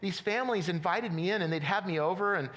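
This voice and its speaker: Conversational male pastor, higher voice. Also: fast talker, a bit bright. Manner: conversational, repeats words and restarts. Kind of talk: sermon.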